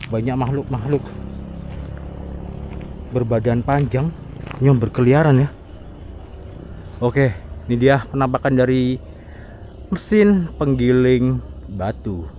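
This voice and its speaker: A man with an Indonesian accent doing a casual, halting exploration vlog outdoors at night, talking to his viewers in murmured asides and exclamations. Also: mid-range voice, dark tone. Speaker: vlogger exploring an abandoned site at night. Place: outdoors in overgrown wooded area at night. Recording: outdoor night noise, insects.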